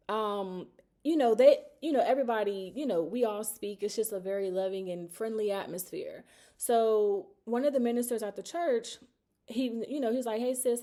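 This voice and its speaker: A young woman speaks in a casual, candid way, telling a personal story straight to the camera. Her voice is mellow and warm. Her pitch sits in the middle, and she acts out other people's lines as she tells it. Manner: casual, animated, acts out quoted dialogue. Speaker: vlogger.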